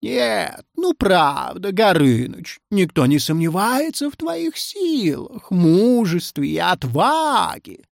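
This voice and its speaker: A slow, gravelly male cat, as an audiobook reader puts him on, speaking like a pompous deputy head in pince-nez. He drawls in a melancholy, theatrical tone with lively swings, close and dry. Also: mid-range voice, no echo, voice pushed up, exaggerated voice. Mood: stern.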